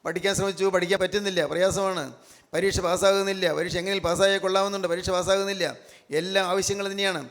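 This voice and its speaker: A man with a Malayali accent preaches a sermon fast, in a high, slightly bright voice with little pitch movement and a long reverb tail. He repeats his points emphatically and frequently breaks into phrases of praise.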